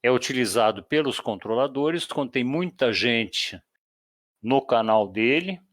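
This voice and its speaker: A man with a Brazilian Portuguese accent gives an online lecture over a voice call, at a mid pitch that sits neither high nor low. He explains step by step and keeps checking in with a quick question. The sound is dry, with no room echo. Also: animated, a bit bright. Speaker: flight communication instructor. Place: voice chat call.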